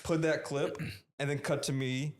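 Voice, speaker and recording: A man's voice: a little high, fairly even intonation, normal speed. A young man co-hosting a casual student podcast, easygoing and joking. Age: young adult. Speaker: podcast co-host. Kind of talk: casual chat.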